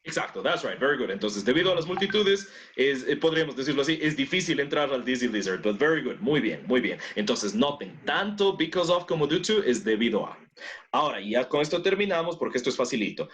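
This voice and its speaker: A man teaching an online English class, his voice rising and falling in a lively way. He explains words in with English examples and keeps asking whether the students follow. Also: medium pitch, a little fast. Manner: explains in Spanish and English, checks in with "¿no es cierto?".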